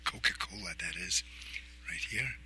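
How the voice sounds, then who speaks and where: A man co-hosting a radio talk show, joking along and echoing the host. His voice sits somewhat low. Loud music plays behind him. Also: normal speed. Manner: joking, echoing the host's words. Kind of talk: casual radio chat.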